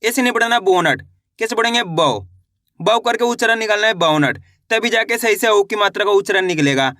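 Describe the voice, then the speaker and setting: A man teaching beginners to read Hindi, stretching each word out slowly and saying it twice, then checking whether students follow. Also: high voice, bright, forceful tone, no echo, clean studio sound. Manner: coaxing, repeats "clear so far?". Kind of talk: online reading lesson.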